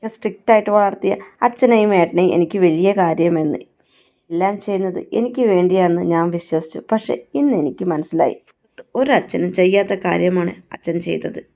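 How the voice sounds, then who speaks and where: A woman's voice: fairly low pitch, fairly quick, warm tone, lightly acted. A woman voicing a defiant young woman who feels betrayed by her family, emotional and reproachful, on a dull lo-fi recording. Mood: sad.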